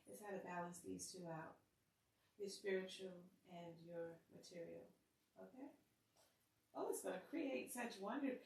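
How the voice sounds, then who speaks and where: A woman reads tarot cards to camera in a loose, chatty way and laughs often as she talks. Her voice is gravelly and sits at a middle pitch. She sounds a little off the mic, in an echoey room. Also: darkish tone, distant mic. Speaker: tarot reader. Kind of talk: casual tarot reading to camera.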